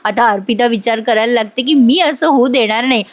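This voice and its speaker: A woman retells a TV episode in a chatty voice-over, speaking directly to her viewers. Her voice is high. She talks in a conversational, storytelling way. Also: a little fast. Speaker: TV show reviewer.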